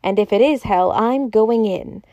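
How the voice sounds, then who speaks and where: A woman's voice: a little high, measured pace, dark tone, no echo, lo-fi sound, natural voice. A woman voicing a bold, determined male secretary who speaks resolutely.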